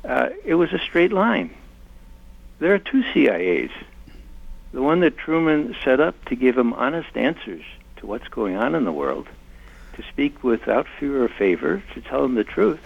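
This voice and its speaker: An older man speaking emphatically as an interview guest. His gravelly, husky voice swings widely in pitch. The recording sounds muffled and lo-fi. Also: sing-song, normal speed, no echo. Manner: impassioned, emphatic. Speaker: interview guest, former intelligence analyst. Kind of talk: conversational interview.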